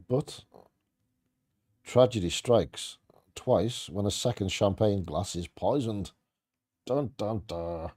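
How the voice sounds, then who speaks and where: A man's voice: fairly low pitch, dark tone. A man co-hosting a bingo game, reading scripted trivia aloud in a playfully theatrical storytelling way.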